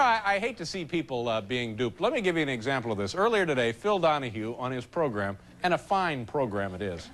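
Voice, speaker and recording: A man hosting a late-night talk show, telling jokes in a wry, halting way with deadpan punchlines. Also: a little high. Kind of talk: comic monologue and stunt banter. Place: TV studio and building hallways. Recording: broadcast with loud studio audience and background noise.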